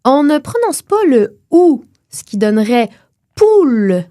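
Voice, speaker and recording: Lively Québécois woman explaining phonetics. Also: high voice, no echo, studio quality. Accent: Québécois French. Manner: clear teacherly delivery, slows to model sounds. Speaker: podcast co-host explaining phonetics. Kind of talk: explanatory podcast chat.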